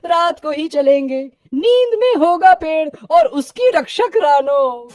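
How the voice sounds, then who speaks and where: A woman's voice: high voice, expressive, slow, darkish tone, no echo. A woman voicing a greedy heartless woodcutter. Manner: blunt, gruff. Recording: distant, dry sound.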